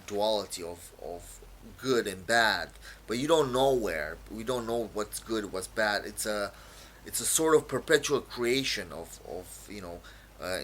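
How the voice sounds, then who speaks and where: With a lowish, slightly bright voice and a bit of background noise around him, the poet talks through his own poem. He's from Romania, a native Romanian speaker, and his delivery is halting and cluttered with fillers and repeated words.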